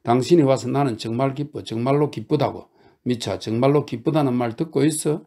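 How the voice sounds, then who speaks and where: A man reading a novel aloud, voicing a fiery, jealous young woman who scolds and coaxes in a raised, gravelly voice. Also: medium pitch, a little fast, dark tone, lightly acted. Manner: scolding, coaxing, insistent. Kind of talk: audiobook character reading.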